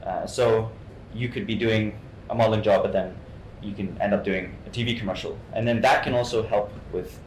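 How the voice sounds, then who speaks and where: Speaking at normal speed with barely any pauses, this young male guest actor from Hong Kong has a fairly low, steady voice. He answers interview questions casually, often repeating words and starting his sentences over. The recording is roomy with a bit of faint noise.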